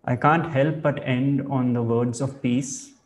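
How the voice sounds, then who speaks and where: Slow, measured male spiritual teacher. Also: medium pitch, fairly even intonation. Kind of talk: reflective spiritual talk.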